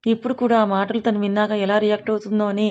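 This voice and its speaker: A woman's voice: mid-range voice, little pitch movement, racing, darkish tone, dull audio, lightly acted. A woman reading the lines of a remorseful young army major confiding in a friend. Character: young army major, guilt-ridden and grieving.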